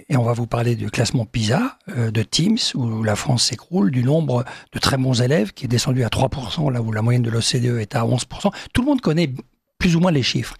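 A man's voice: mid-range voice, creaky, a little mellow, slightly rough, no echo, studio quality. A man co-hosting a talk radio show, commenting indignantly with hesitations. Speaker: co-host.

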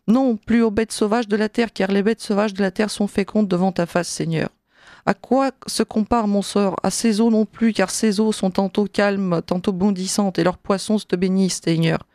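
A woman's voice: mid-range voice, fairly even intonation, normal speed, a little mellow, no room sound, clean studio sound, lightly acted. A woman reading aloud as a grieving childless wife, lamenting to God in a plaintive, repeated refrain.

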